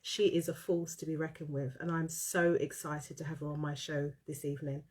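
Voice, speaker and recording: Congested from a cold, this British woman hosts a casual live chat interview over video, her nasal voice low, level and a little mellow with a breathy edge. She talks at normal speed, effusive in manner and prone to repeating what she says.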